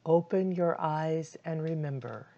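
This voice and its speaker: A woman leading a guided meditation in a calm, soothing voice, giving gentle instructions with long pauses. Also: low voice, highs cut off.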